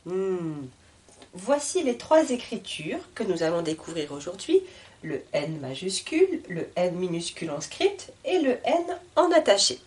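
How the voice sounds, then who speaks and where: A woman teaching reading, drilling syllables slowly and articulating each one carefully as she guides learners through a board. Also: lowish voice, very animated, darkish tone. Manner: talks over a board, guiding learners. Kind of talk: slow, deliberate reading lesson.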